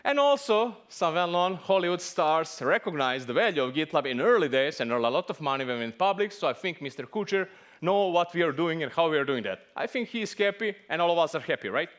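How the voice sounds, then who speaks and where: A middle-aged man from Serbia, with a Serbian accent and a voice a bit higher than most men's, gives a lively conference talk in English, his second language. Speaking a little fast, he fills it with small jokes and non-native phrasing.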